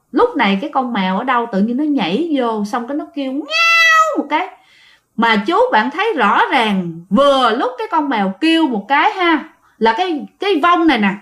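A woman storyteller telling a ghost story in a casual, chatty way and speaking straight to her listeners. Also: fairly high pitch. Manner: chatty, addresses listeners directly.

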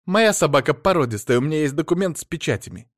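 A man's voice: fairly high pitch, expressive, fast talker, no room sound, studio quality, pitched above the performer's own voice, close to an everyday voice. A man voicing a silly, childish, vain young wife in a pouty, wheedling voice. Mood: shrill, indignant.

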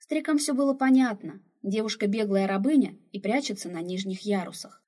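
A woman narrating a fantasy story in a steady, expressive reading voice. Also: mid-range voice, a little fast. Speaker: audiobook narrator.

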